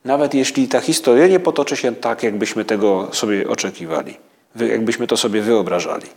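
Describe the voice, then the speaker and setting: A man preaching a spiritual meditation, speaking slowly and reflectively, with halting pauses. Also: lowish voice, darkish tone.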